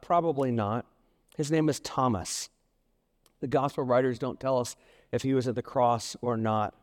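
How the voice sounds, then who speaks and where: A man's voice: fairly high pitch, darkish tone. Preaching man in a reverberant hall. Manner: storytelling, acts out quoted voices. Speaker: pastor. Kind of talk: sermon.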